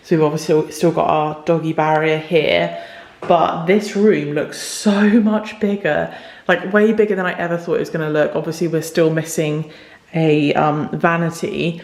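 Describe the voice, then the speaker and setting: A woman's voice: lowish voice, a little mellow. A woman vlogger chatting casually on camera while showing a tiled bathroom, her voice echoing off the hard walls. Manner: chatty, with repeated intensifiers. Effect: room echo from tiled bathroom. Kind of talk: casual home renovation vlog. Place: echoey tiled bathroom, indoors.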